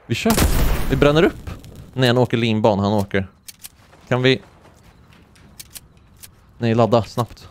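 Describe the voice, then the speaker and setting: Young male gaming streamer, excitable play-by-play, light background noise. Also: long pauses. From Sweden. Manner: excitable, swings into high-pitched yelps when surprised. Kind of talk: live gameplay commentary.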